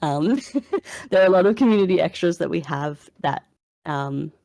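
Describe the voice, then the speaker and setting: Gravelly, chatty woman hosting a voice chat. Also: deep voice, expressive, normal speed, dark tone, no echo, clean studio sound. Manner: upbeat, chatty, laughs often, lots of fillers. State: morning voice. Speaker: community manager hosting an AMA. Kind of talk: casual live voice chat. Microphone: voice chat headset or computer mic.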